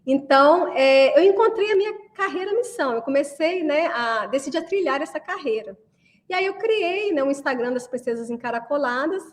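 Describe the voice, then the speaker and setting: A woman's voice: sits high, expressive, brisk. A woman from Brazil giving a chatty class to parents, often asking listeners to agree as she talks. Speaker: course creator addressing parents. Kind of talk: casual promotional class talk.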